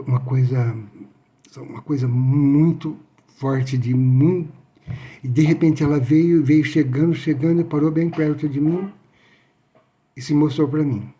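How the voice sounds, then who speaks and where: A man from the São tells his story with a deep, mellow, very dark tone. He pauses often, restarts sentences and circles back on the same phrases as he tells it. His pitch sits right in the ordinary middle. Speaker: near-death experience witness. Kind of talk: personal testimony storytelling.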